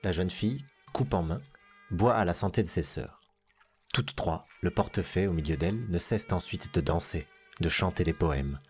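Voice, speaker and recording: A man with a low voice reads a bawdy old tale in a measured, expressive way, lingering on its details. Soft music sits faintly under the narration. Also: breathy edge. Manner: measured, expressive reading with lively asides. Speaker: storyteller. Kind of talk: scripted literary narration.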